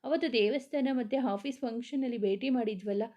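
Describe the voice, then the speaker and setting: A woman's voice: on the high side, a little fast, mellow, close to an everyday voice. A woman voicing a blunt, outspoken young female office worker in a storybook reading.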